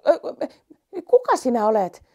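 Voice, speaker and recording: A woman voicing a tiny, lost young mouse who asks eager, high questions. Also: wildly swooping pitch, darkish tone, lo-fi sound. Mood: curious.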